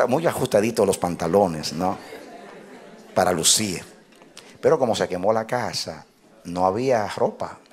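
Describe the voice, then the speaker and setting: A male pastor with a fairly low voice tells a personal story during a sermon. He's animated, laughing often and building up to loud exclamations.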